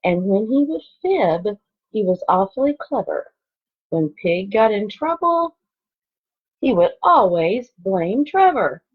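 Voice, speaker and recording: Her medium-pitched voice swings widely in pitch, slow and with a breathy edge, as a second grade teacher reads to children online. The lo-fi home recording mixes expressively read story lines with chatty asides.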